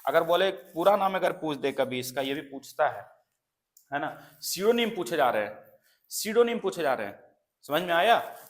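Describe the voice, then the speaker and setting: A man teaching an exam-prep literature lesson, repeating key points and often asking if it is clear. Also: on the high side, animated, measured pace. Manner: repetitive, checks understanding often. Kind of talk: classroom lecture.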